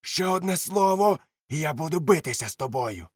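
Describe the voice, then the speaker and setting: A man reads a cunning one-legged pirate cook who bosses a crew of cutthroats, barking threats one moment and purring scorn the next. The voice sits at an ordinary male pitch and sounds close and dry. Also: unhurried, no room sound. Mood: furious. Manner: swings from roaring threats to sly soft mockery. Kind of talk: audiobook character reading.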